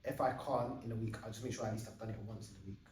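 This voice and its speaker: A young man in relaxed podcast talk, eager and rambling with plenty of "like"s. His voice sits low and mellow. He is picked up from a distance in a roomy space with a faint hiss behind. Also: racing. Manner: chatty, eager, explains at length with many fillers. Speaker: podcast host. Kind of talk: casual podcast chat. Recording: roomy sound from a distant mic.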